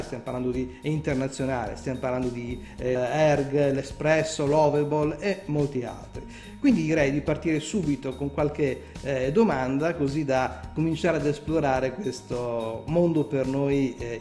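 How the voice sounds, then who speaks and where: A man's voice: a little high, darkish tone, reverberant. A man with an Italian accent hosting a casual video call interview, hesitating often with filler sounds. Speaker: host.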